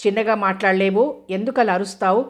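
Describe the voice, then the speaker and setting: A woman's voice: medium pitch, brisk, close to an everyday voice. A woman reading the part of a drunk, defiant husband with thick, slurred speech in an audio novel.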